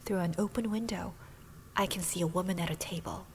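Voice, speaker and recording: A woman voicing a sad young prince who is a golden statue, in a whispered role-play with a low, slow, sorrowful whisper. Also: a little mellow, slight background noise, lightly acted, rough recording.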